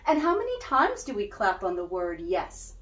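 A woman's voice: mid-range voice, wildly swooping pitch, normal speed, a bit bright. A woman music teacher leading a children's lesson, cheerful and guiding with call-and-response. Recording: roomy echo.

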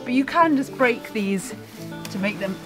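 A young woman hosting a farm vlog, talking in a relaxed, thoughtful way with plenty of fillers, filmed outdoors and in a goat shed. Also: fairly high pitch, a little slow, over music. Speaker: farmer and vlog host.

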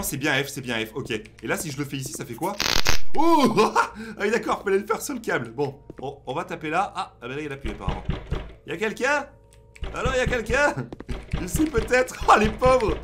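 A young man playing a horror game and commenting excitedly to his viewers, reading the game's prompts aloud. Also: a little high. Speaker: gaming YouTuber. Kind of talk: let's play commentary.

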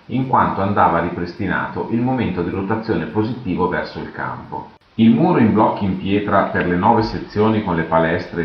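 A man giving a measured, matter-of-fact scripted narration for a technical documentary. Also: low-pitched, a little hiss or hum. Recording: echoey, dull lo-fi voice-over.

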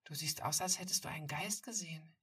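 Woman reading a bubbly teasing teen girl, husky and bright, mic kinda far. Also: low-pitched, fast, full character voice. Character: teenage girl, playful and bold.

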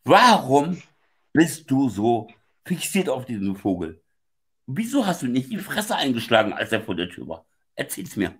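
A man's voice: mid-range voice, very animated, moderate pace. A man hosting a stream, demanding answers in a heated, crude argument over a voice call. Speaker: stream host.

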